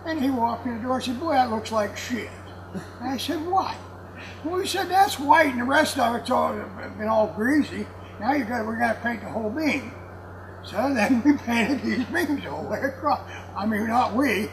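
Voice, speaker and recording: Folksy and salty, a septuagenarian laughs his way through rambling, casual stories in a very high voice with lively intonation and a moderate pace. The setting is a warehouse with block walls, and the recording carries clearly noisy room ambience.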